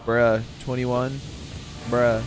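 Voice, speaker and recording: A man's voice: mid-range voice, completely flat delivery, drawn-out words, over music. A man in his twenties chatting casually with his viewers while streaming a game, joking around and swearing often. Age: 20s. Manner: joking banter with chat, frequent swearing. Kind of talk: casual live gaming stream chat.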